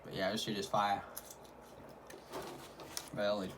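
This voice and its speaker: A man's voice: fairly low pitch, little pitch movement, slow pace. A man talking casually in a food vlog, hyping things up in repetitive slang. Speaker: mukbang vlogger. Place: at home. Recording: clearly noisy home recording.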